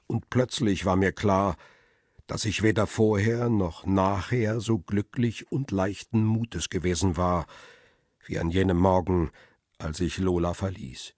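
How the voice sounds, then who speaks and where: A man with a low voice narrates a crime radio play in the first person, calm and reflective at a measured pace, also voicing the lines of the paparazzo protagonist. The recording is dry and studio quality.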